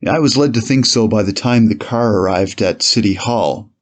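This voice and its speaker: This man's voice is fairly low and near his everyday register. He portrays a police officer from the 1890s giving witness-stand testimony in a staged courtroom reading, careful and formal with a touch of hesitation.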